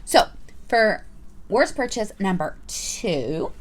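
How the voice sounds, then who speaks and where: A woman's voice: medium pitch, sing-song, takes it slowly, slightly rough. A woman in her thirties reviewing her purchases in a casual, chatty vlog, rambling with playful asides. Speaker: vlogger.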